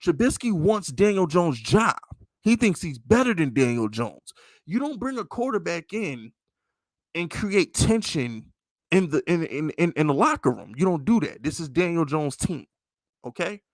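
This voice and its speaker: A man hosting a casual sports talk stream, talking in loose, repetitive bursts that climb higher and louder when he gets riled. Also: moderate pace, no echo. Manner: animated, repetitive, rising to near-shouting when riled. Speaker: sports podcast host.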